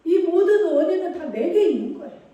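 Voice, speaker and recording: With a very high-pitched, expressive and mellow voice, a woman preaches briskly in a church sanctuary, pressing rhetorical questions on her congregation. The recording cuts off the highs and comes from a far mic in an echoey hall.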